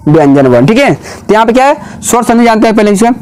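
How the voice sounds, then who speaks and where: A man with a high-pitched voice teaches a grammar lesson in a classroom. He keeps firing questions at the class and repeats each answer back to them. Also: very animated, fast, a little mellow, slight background noise.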